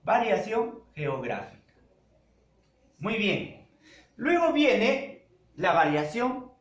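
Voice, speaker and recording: Slow, expressive male teacher. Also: sits high. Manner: slow, deliberate, repeats key terms and checks with "¿ya?". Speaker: secondary school language teacher. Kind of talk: classroom lecture to students. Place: classroom with a whiteboard. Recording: echoey classroom.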